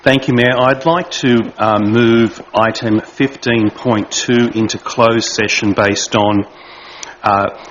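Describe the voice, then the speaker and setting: A man, a councillor moving a motion hesitantly, with many pauses and fillers. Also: mid-range voice, steady tone, a bit bright. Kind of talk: formal meeting motion. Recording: dull lo-fi recording with faint noise.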